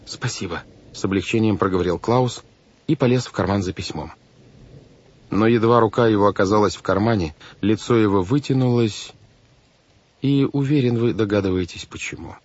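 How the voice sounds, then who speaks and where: Male audiobook narrator, husky, dull lo-fi recording. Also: on the low side, moderate pace, a little mellow. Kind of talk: scripted narration.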